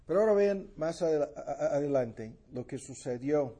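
Male preacher, higher voice, husky, slow and emphatic sermon delivery. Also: expressive, dark tone. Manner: slow, emphatic, repeats key phrases. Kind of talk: sermon, Bible exposition.

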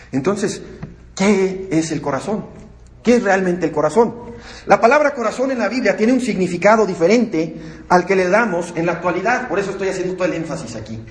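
A man with a Mexican accent preaches to a congregation in a high, ringing voice. He hammers the same key words again and again with emphatic stress. His voice bounces around an echoey church hall. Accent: Mexican Spanish. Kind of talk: sermon. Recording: echoey room sound.

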